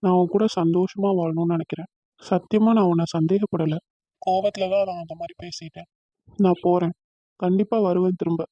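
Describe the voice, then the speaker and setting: An earnest, lovesick young man in a cartoon, voiced by a man. He speaks tenderly in a high, flat voice. The recording is dull and lo-fi. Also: fairly quick, no echo.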